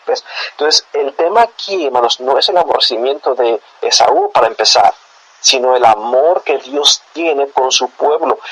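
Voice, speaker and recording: A man preaching a sermon as pastor, explaining scripture to his congregation in a lively, animated way. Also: mid-range voice, poor audio. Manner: animated preaching, addresses listeners as brothers. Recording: radio broadcast.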